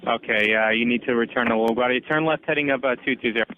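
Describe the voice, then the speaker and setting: An American air traffic controller gives clipped, procedural instructions over aviation radio, speaking fast at a medium pitch. The audio is tinny, narrowband and full of static.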